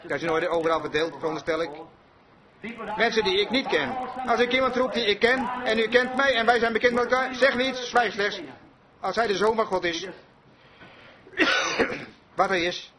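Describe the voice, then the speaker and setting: A man with a high-pitched voice preaches a fervent revival sermon, circling back to the same phrases again and again. He speaks straight to his listeners, and the sound of a gathered congregation carries behind him. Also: moderate pace, pauses often, crowd noise. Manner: fervent, repetitive, addresses congregation directly.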